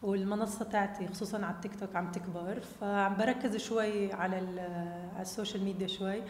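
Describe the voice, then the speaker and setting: A young woman with a Jordanian Arabic accent talks very quickly in casual, story-like conversation. She slips English words into her sentences. The room is echoey, with long reverb around her voice. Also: medium pitch, fairly even intonation, a little hiss or hum. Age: young adult. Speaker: interview guest, basketball player.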